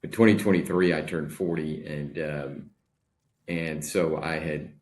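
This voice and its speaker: Very deep-voiced man in his forties. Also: fairly even intonation, measured pace, a little mellow. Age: 40s. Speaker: podcast guest. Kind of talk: casual interview talk.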